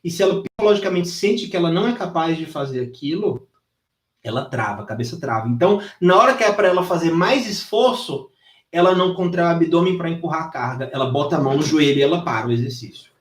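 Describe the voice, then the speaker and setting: A sales mentor who used to be a gym trainer races through a fast, expressive live-stream lesson from home, his voice on the high side in an echoey room. He's intense and emphatic, swearing openly and reenacting his past coaching.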